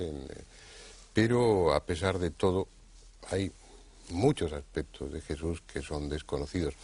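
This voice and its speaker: A man from Spain hosting a studio discussion, talking in a measured, thoughtful way with frequent hesitations. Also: low-pitched, a little mellow. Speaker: TV talk show host.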